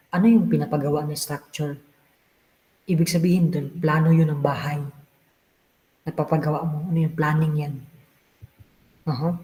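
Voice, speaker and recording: A man's voice: a little high, a little mellow. Man teaching in a reverberant room. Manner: Taglish code-switching, teasing rhetorical questions. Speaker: exam review lecturer. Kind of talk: online review class lecture. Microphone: video call.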